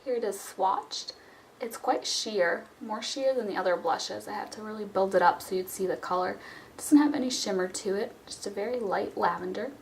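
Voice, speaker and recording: A hoarse beauty vlogger with a cold reviews a product in a loose, chatty style, with lots of ums and small restarts, at normal speed. Her middle-pitched voice comes from a little distance, with noticeable room echo and a faint hiss beneath.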